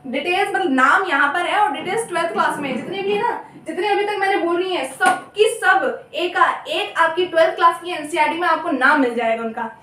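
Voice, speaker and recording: Young female tutor, high-pitched, chatty and apologetic, recorded off-mic in an echoey room. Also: pushed and bright, recorded from a distance, slight background noise. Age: young adult. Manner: chatty, apologetic, repeats terms slowly. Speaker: biology teacher. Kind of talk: casual Hindi lecture with mnemonics.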